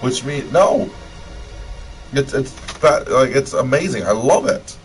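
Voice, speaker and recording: Taking his time, a man with an expressive, mid-range voice banters with friends on a gaming livestream, rambling, joking and swearing sardonically. He's an American-accented streamer from Michigan, recorded through a distant mic while music plays.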